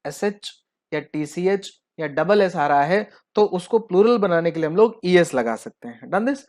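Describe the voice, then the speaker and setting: A man teaching an English grammar lesson. He asks his students questions and answers them himself, spells out word endings slowly letter by letter, and keeps checking in with a quick "Done this?". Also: high voice. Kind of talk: classroom-style video lesson.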